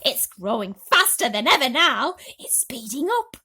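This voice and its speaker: A woman putting on a shrill, bossy storybook aunt. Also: sing-song, a little slow, bright, forceful tone, slightly rough, exaggerated voice. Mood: excited. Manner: snapping, scornful, exclamatory. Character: Aunt Spiker, shrill bossy spiteful middle-aged woman.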